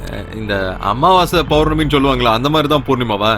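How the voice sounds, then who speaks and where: A man's voice: mid-range voice, animated, fast, fairly bright tone, natural voice. An actor playing a grieving young male quarry worker, with pleading, tearful, rustic speech in dubbed film dialogue. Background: film score music.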